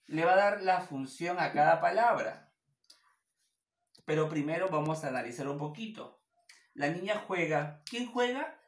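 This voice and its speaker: A man teaching a class, his voice sitting a bit high for a man and his words coming slowly. He asks questions and answers them himself, and spells words out letter by letter. The room gives his voice a noticeable echo. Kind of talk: classroom lecture at a whiteboard. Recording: echoey classroom.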